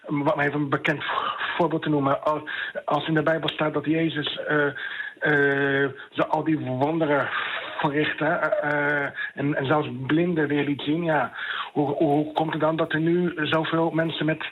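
A man's voice: on the high side, little pitch movement, measured pace. A man calling in to a radio show over a phone line, talking hesitantly with many restarts and repeated words. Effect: heard over a phone line. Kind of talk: casual phone-in chat. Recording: dull phone line with faint noise.

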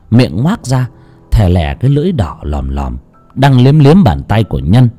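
A man narrating a horror audiobook dramatically. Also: mid-range voice. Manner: dramatic, expressive. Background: faint music.

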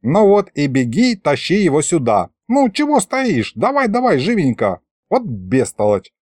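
A man's voice: high voice, wildly swooping pitch, moderate pace, darkish tone, dry recording, studio quality, voice pushed up. A man voicing a fussy, bossy old grandfather who talks in rustic folksy speech.

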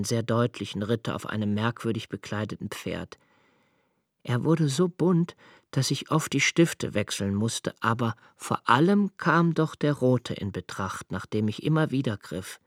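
Recorded in a studio without any echo, a middle-aged man gives a hushed, measured, introspective first-person narration for a literary radio play, in a mid-range voice.

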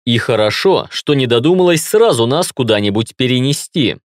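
A man's voice: medium pitch, lively intonation, dry recording, clean studio sound, natural voice. A man voicing a worried young wife who covers her unease with jokes, read as audiobook dialogue. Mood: earnest. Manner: teasing, brisk. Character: young woman, worried yet joking wife.

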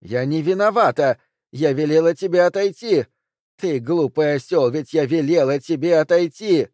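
A male reader pushes his voice up into a raging, shotgun-toting woman screaming taunts into the dark woods. Her lines come out high, loud and shrill. The audiobook sound is dry and close. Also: measured pace, dry recording, close to an everyday voice. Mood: furious yelling. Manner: yelling, furious, taunting. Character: enraged red-haired woman with a shotgun, shrieking threats.

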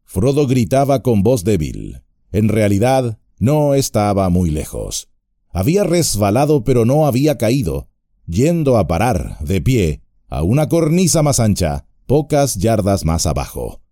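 A man reading a fantasy audiobook in a measured way, with dramatic pauses. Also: fairly low pitch, big pitch swings, dark tone, no echo, clean studio sound. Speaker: audiobook narrator. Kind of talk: scripted narration.

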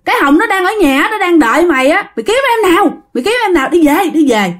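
A woman's voice: very high voice, lively intonation, moderate pace, a little mellow, voice pushed up. A woman voicing worried young male cousins who scold urgently.

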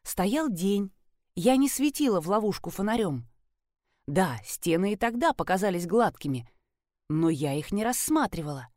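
A woman reads a first-person detective story aloud in a lively way, with wry asides. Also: medium pitch, normal speed, no room sound, clean studio sound. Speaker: audiobook narrator. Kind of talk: scripted first-person narration.

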